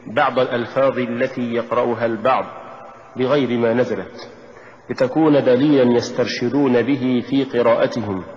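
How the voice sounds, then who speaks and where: A man teaching correct Quran recitation, saying each word deliberately in its right and wrong form. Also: medium pitch. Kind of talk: instructional recitation lesson. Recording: dull lo-fi cassette tape with long hall echo.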